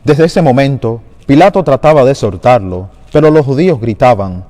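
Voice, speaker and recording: A man giving a measured, solemn liturgical Gospel reading at a Good Friday service in a large church. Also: medium pitch, expressive, warm tone. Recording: long church reverb.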